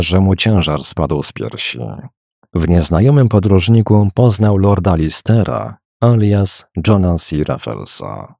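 Deep, gravelly male audiobook narrator. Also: mellow, dry recording, clean studio sound. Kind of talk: scripted narration.

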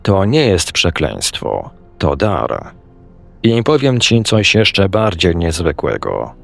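A man reading the lines of a calm, wise old male sorcerer teacher, measured and gently amused. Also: sits low, creaky, soft background music, full character voice.

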